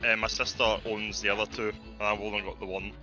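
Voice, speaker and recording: A man in casual stream chat, laughing often and pausing with lots of fillers as he talks about his dogs. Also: fairly low pitch, little pitch movement. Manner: chatty, laughs often, hesitant with many fillers. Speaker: streaming community member. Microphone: headphones with mic. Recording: dull lo-fi voice call with game music.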